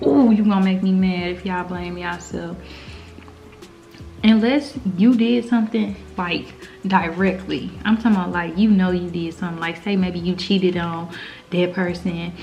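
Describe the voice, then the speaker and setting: A woman's voice: fairly low pitch, fairly even intonation, moderate pace, darkish tone, faint music behind. The recording is slightly muffled and lo-fi. An American woman chats casually as a mukbang host, giving earnest advice in slangy, informal speech. She talks as if to close girlfriends while eating. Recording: slightly dull, lo-fi sound.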